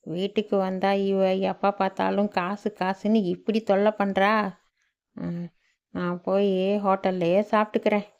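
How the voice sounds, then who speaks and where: A woman voicing a drunken, bullying husband who talks gruffly and scornfully. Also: medium pitch, flat delivery, normal speed, a little mellow, muffled recording, close to an everyday voice.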